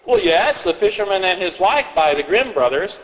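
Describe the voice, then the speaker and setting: A man's voice: sits high, expressive, a little fast, fairly bright tone, long reverb tail, low-quality recording. A man telling and reading folk tales aloud in a rambling, hesitant way, often restarting his sentences. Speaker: storyteller.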